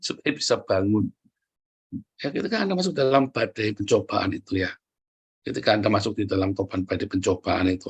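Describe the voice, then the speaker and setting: A man preaching a sermon, lively and joking, often turning to address the congregation directly. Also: on the high side, breathy edge. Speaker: pastor.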